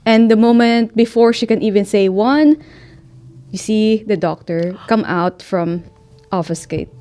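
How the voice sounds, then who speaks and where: A woman narrating a tabletop role-playing game as game master, unhurried and full of pauses. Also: mid-range voice, steady tone, warm tone. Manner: slow, unhurried, with fillers.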